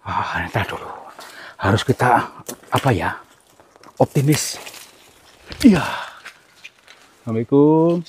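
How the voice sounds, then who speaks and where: A man, from Central Java, hosting a ghost-hunting vlog outdoors in a forest, giving hushed commentary and coaxing with repeated soothing words. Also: medium pitch, expressive, slow, long pauses, a little hiss or hum. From Central Java, Indonesia. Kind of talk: hushed on-location exploration commentary.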